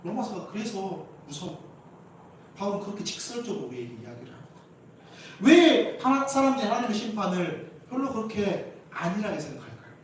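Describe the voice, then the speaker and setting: Jeolla-dialect guy preaching, bouncy high voice, booming church echo. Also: fairly quick, slight background noise. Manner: animated, acts out quarrels in playful voices, asks the congregation questions. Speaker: pastor. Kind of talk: lively Sunday sermon. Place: church sanctuary. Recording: very echoey church hall from a distance.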